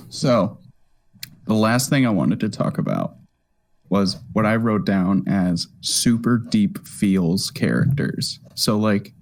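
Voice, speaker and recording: A young man co-hosting a podcast in casual chat, hesitant and quick to laugh, often restarting his sentences. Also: lowish voice, animated, gravelly. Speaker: podcast co-host.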